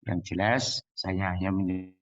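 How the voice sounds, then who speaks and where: A man's voice: deep voice, fairly even intonation, measured pace, no room sound, dull audio. Man on a breaking-up call line. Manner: earnest, rambling sharing with many fillers. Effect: choppy call audio that keeps breaking up. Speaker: caller in an online business meeting.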